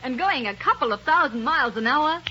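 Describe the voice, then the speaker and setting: A spirited young woman adventurer. Her voice is high, bright and very animated. A faint hiss of an old radio recording sits behind her. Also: fairly quick, lo-fi sound. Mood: lively. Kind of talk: 1930s radio drama acting.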